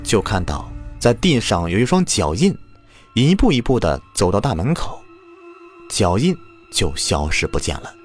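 A man narrating a listener's ghost story as the show's storyteller host, acting out the shouted lines. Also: on the low side, moderate pace. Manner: lively, acts out quoted shouts. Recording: faint music underneath.

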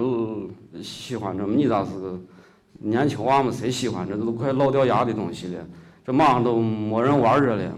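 A man voicing an elderly male village shadow-puppet master, talking in a loud, folksy and incredulous way. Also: fairly low pitch, natural voice.

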